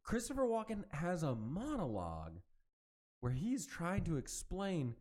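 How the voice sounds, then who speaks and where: Animated, excitable young man. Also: on the high side, unhurried. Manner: excitable, animated storytelling with laughter. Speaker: podcast co-host. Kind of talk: casual chat.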